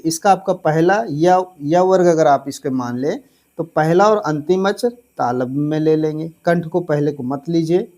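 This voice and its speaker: A man teaching an online grammar lesson for exam preparation. He addresses viewers as friends and drills syllables slowly. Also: a little high, mellow.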